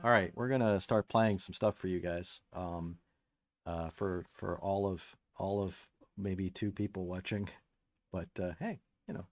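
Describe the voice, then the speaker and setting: A man hosting a casual livestream from his home studio, talking loosely with lots of fillers while a saxophone warms up. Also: low-pitched, fairly even intonation, unhurried, faint music behind. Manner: loose and rambling, many fillers. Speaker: livestream host and musician. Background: saxophone warming up.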